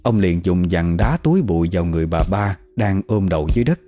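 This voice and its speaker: A man narrating a scripted horror story in a steady, measured way. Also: sits low. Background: faint music.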